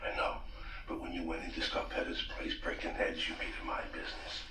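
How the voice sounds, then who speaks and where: An actor playing a stern, blunt middle-aged police lieutenant, in a clip from a TV drama. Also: male voice, low voice, huge pitch swings, a little fast, exaggerated voice. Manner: blunt, commanding. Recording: roomy, distant TV clip with background noise.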